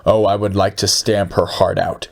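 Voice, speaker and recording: A man's voice: deep voice, level tone, moderate pace, vocal fry. A man voicing a coarse, huge poor woman in a storybook, spiteful and outraged in her speech. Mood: enraged, spiteful.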